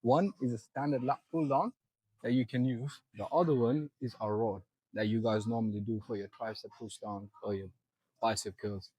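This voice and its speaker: A man's voice: medium pitch, fairly even intonation, normal speed, a little mellow, slightly rough, rough recording. A young man in a gym, out of breath, coaching viewers step by step through a back workout. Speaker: fitness vlogger. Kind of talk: casual gym walkthrough.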